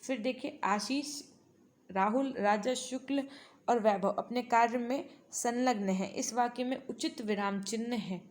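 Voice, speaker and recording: A woman's voice: on the high side, a little slow, a little mellow. A woman teacher working through exam-prep quiz questions, asking each one and then explaining the answer patiently, often dropping English phrases into her explanation.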